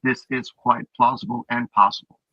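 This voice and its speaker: A man's voice: medium pitch, steady tone, normal speed, slightly rough, no echo, muffled recording. A clergyman in his forties, a guest on a podcast, explaining scripture earnestly and at length in casual chat. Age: 40s.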